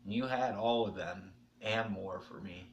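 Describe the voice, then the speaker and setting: A young man speaking in an emotional, halting personal monologue, swearing and at times dropping almost to a whisper. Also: fairly low pitch, muffled recording, slight background noise. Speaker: vlogger.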